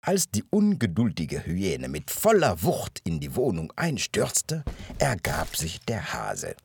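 A man narrating a fairy tale in a measured, expressive storytelling manner. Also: sits low, gravelly, breathy edge, no echo, clean studio sound.

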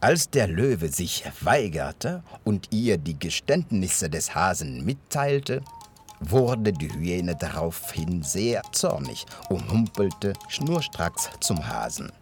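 A man narrating a fairy tale in a measured, expressive storytelling manner. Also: low voice, soft background music.

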